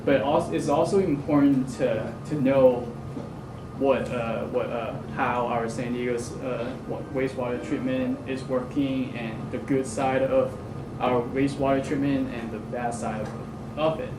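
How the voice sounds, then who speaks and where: A young man presents to a community group. He halts often, filling gaps with ums and restarting phrases. He was picked up from far off in a roomy meeting room with steady background noise. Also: medium pitch, a little slow. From Hong Kong. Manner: hesitant, many fillers and restarts. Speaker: student presenter. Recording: roomy, distant mic, noisy.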